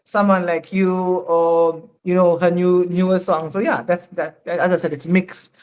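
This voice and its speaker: Here's a podcast guest from South Africa, a man in his thirties with a high-pitched voice, speaking at a measured pace. The conversation is casual and lively, and he laughs a lot.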